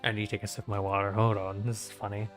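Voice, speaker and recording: A man streaming a game, chatting casually in a flat, self-described monotone and reading dialogue aloud with stumbles. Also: on the low side, racing, soft background music.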